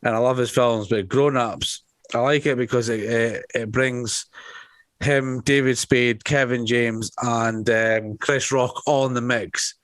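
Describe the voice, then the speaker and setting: A man's voice: mid-range voice, steady tone, measured pace, a bit bright, no echo. Blunt sweary man, dry sound. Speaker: podcast co-host. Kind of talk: casual chat.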